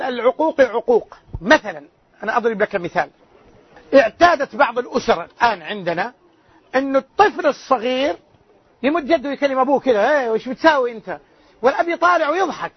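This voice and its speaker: A loud-voiced man teaching a religious lesson as a sheikh, quizzing his listeners with rhetorical questions. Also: very high voice, breathy edge, no room sound. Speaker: sheikh teaching a hadith class. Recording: dull lo-fi lecture recording.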